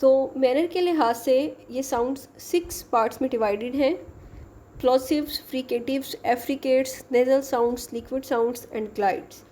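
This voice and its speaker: Woman lecturer, high and mellow, slow patient explainer who mixes English terms into Hindi-Urdu. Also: slight background noise. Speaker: teacher. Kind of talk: exam-prep lecture.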